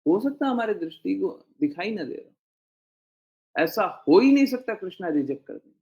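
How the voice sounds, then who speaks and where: A man's voice: high-pitched, sing-song, normal speed, mellow, dull audio. A man giving a devotional talk as spiritual teacher, answering listeners' questions earnestly and repeating key phrases.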